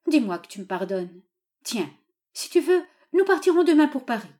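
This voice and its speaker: A woman narrator voices an old father in an audiobook, possessive and quick to anger. His pleading runs high and loud, and his outbursts come tense and forceful. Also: big pitch swings. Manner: pleading then furious, raised and high. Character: doting, tyrannical old father, quick to rage.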